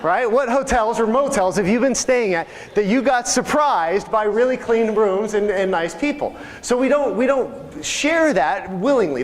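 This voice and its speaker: A man leading a live real estate sales training, talking conversationally and asking the audience questions. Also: high-pitched. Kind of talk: live training seminar talk. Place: training room with reverb. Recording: live room recording with long reverb.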